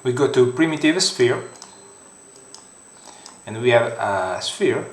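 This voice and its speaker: Italian-accented man, software tutorial narrator, unhurried halting delivery, roomy echo. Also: mid-range voice, expressive. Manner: halting non-native English with many fillers. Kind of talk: screen-recorded software tutorial. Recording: roomy echoey home room.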